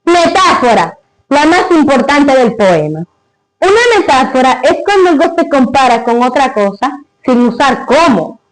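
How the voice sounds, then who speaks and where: A woman giving scripted educational narration, explaining didactically in short, deliberate phrases. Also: high-pitched, big pitch swings, rough recording. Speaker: literature explainer.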